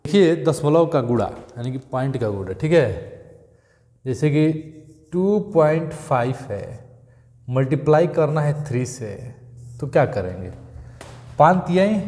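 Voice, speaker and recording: A male maths teacher, repeating steps and checking in often with "thik hai" and "clear". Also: on the high side, darkish tone, big-room sound. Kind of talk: classroom maths lesson.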